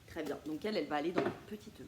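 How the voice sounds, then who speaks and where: Low-pitched and racing along, a woman vlogs about her vintage thrift finds, chatting casually and playfully with viewers. She's animated, laughs often and makes playful asides, in an echoey room carrying faint ambient noise.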